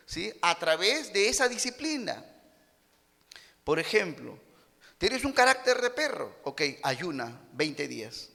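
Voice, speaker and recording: Animated pastor with a gravelly voice. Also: male voice, high voice, in a large hall. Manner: animated preaching, acting out quoted people in character voices; punchy boxing-style exclamations. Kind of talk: sermon. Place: church sanctuary.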